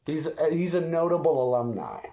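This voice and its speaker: A man's voice: a little high, sing-song, normal speed, warm tone. A man playing in a tabletop game, chatting casually about the session in a blunt, crude, joking way. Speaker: player. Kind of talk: casual chat. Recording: roomy echo.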